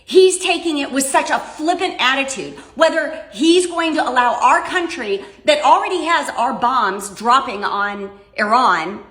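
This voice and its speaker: Woman commentator, a bit high-pitched, exasperated and run-on, recorded in a roomy space. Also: unhurried, hardly any pauses, fairly bright tone. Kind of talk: casual political commentary. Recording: roomy echo.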